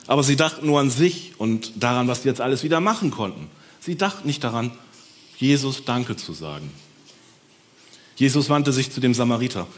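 A man telling a Bible story for children, lively and speaking directly to his listeners. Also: mid-range voice.

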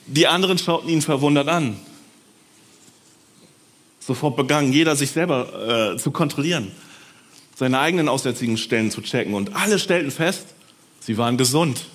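Male storyteller, Bible tale for kids, lively and melodic, turns to listeners. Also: medium pitch. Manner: lively, addresses listeners directly.

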